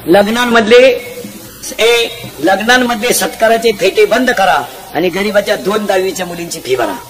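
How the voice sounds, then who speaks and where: A man preaching a humorous devotional sermon, punchy and jokey, quizzing the crowd with sharp calls. He speaks into a stage mic at an outdoor gathering. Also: high-pitched, moderate pace. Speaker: kirtan preacher. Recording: loud crowd and heavy background noise.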